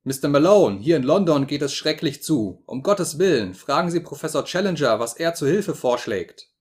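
A man's voice: on the high side, expressive, normal speed, slightly rough, pitched above the performer's own voice. A man voicing a frantic newspaper editor on the phone. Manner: frantic, pleading, fading to a whisper. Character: panicked male newspaper editor on the telephone.

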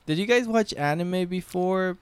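A man in a casual group podcast who asks the group questions, teases his friends and laughs a lot. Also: high voice. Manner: slow, teasing, laughing. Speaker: podcast co-host.

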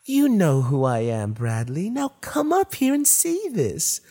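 A man's voice: a little high, huge pitch swings, a little slow, warm tone, pitched above the performer's own voice, full character voice. A man reading a horror story, voicing a sly, menacing rabbit-like monster with steel teeth in a taunting, mock-friendly, sing-song way with an uncanny, strained timbre. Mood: commanding.

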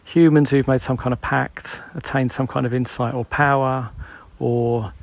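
A man's voice: mid-range voice, level tone, moderate pace, creaky. A British man in his forties, host of a solo podcast, musing aloud in a loose, rambling way.

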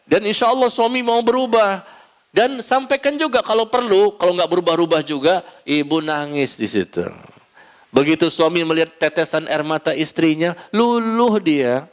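Man, Islamic preacher, sermon with questions from the audience, animated, emphatic, talks straight to listeners, fairly high pitch. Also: moderate pace. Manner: animated, emphatic, gently humorous, addresses the audience directly. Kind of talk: sermon with question-and-answer session.

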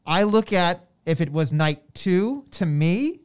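A male podcast co-host with a smooth, very clear voice pitched a little high. He talks casually and circles back over his phrases as he thinks. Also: very animated, slow. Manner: conversational, repeats phrases as he reasons. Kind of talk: casual discussion of wrestling.

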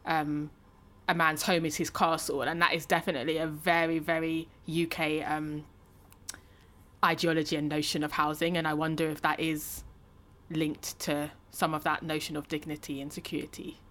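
A woman co-hosting a podcast, reflecting aloud in a thoughtful, measured way. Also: low-pitched, level tone, fairly bright tone. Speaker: podcast co-host. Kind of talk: reflective discussion.

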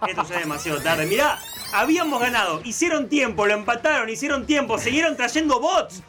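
A man's voice: very high-pitched, expressive, fairly quick, bright, forceful tone. A man with an Argentine accent, co-hosting a live radio show, bantering and protesting with mock outrage. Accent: Argentine Spanish.

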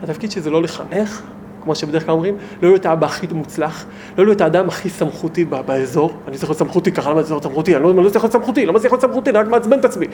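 Faint noise sits behind a rabbi instructing a small group. His voice is notably high for a man, and he speaks with animation and emphasis, repeatedly asking his listeners rhetorical questions.

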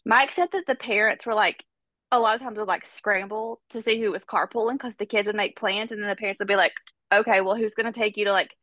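Stuffed up with a cold, a female podcast host speaks fast at a medium pitch with fairly even intonation and a slightly bright tone. She recounts a true-crime story chattily and casually, using lots of fillers, and there's no room sound.

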